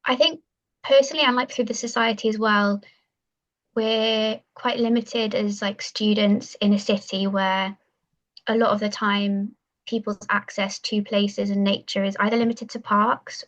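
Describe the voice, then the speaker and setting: A podcast interview features a young West Welsh woman from Pembrokeshire, a guest who presides over a university bird society. She talks at normal speed in a medium, steady voice, filling her speech with "um", "like" and "kind of", and the sound is lo-fi.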